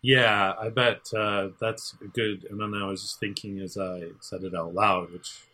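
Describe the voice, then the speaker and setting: A man with a lowish voice talks through a casual podcast chat. He rambles, trails off and restarts with plenty of fillers, speaking over a desk mic with headphones on. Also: level tone, a little slow, bright, forceful tone. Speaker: podcast co-host. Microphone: desk mic with headphones over a call.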